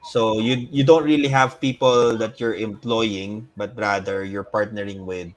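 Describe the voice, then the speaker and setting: Low-voiced Filipino man hosting. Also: fairly even intonation, unhurried. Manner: chatty, mixes English and Filipino. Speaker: host. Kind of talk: casual Taglish interview.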